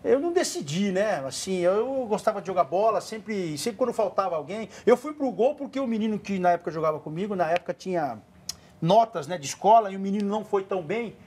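With a high, darkish, slightly rough voice and lively intonation, this man in his forties speaks a little fast. He's a former goalkeeper from Brazil with a São Paulo accent, chatting casually as a studio guest and offering children earnest advice.

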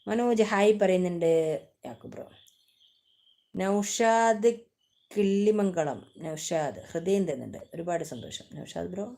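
A woman hosts a casual live stream, talking in a slightly low voice. She chats affectionately with her viewers, calls out their names and teases them as she goes. She keeps coaxing them to tap for likes. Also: unhurried, gravelly, pauses often, mellow. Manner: chatty, greets viewers by name and begs for likes; affectionate, teasing.

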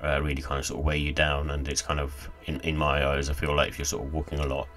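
A man with a very deep voice talks through a sneaker review in a loose, rambling way, leaning on "sort of" and "kind of" again and again. Soft music plays faintly under his voice-over. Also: monotone, fast. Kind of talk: casual product review voice-over.

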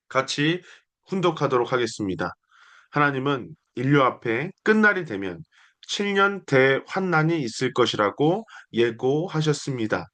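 A man's voice: fairly high pitch, a bit bright. A young man preaching a sermon, earnest and declamatory, building his points through repeated phrases. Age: young adult. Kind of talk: sermon with scripture reading.

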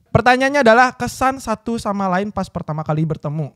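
A man's voice: high voice, lively intonation, brisk, a bit bright, no room sound, clean studio sound. Chatty man hosting a podcast. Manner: playful, laughs often, asks questions. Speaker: podcast host. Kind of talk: casual podcast chat.

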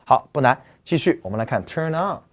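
An animated male teacher explaining English words in a lecture, his pitch rising and falling widely. He keeps asking the listeners questions and says the key terms over and over. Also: fairly quick.

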